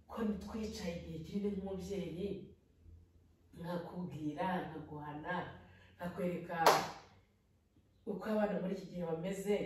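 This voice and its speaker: A middle-aged woman with a Rwandan accent in casual family conversation, recorded across a living room. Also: on the low side. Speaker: mother of the vlogger. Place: indoors in a large tiled living room. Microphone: camera across the room. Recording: very echoey room, distant, faint noise.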